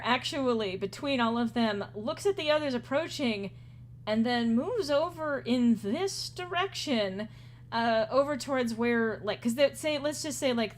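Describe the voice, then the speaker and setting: A woman narrating a tabletop game as game master, relaxed and chatty, often laughing. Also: a little high, a little hiss or hum.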